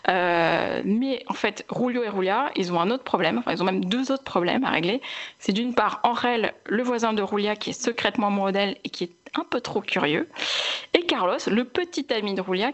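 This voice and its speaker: A young woman hosting a casual film chat, chatty, with many fillers and restarts. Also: mid-range voice. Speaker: film podcast host.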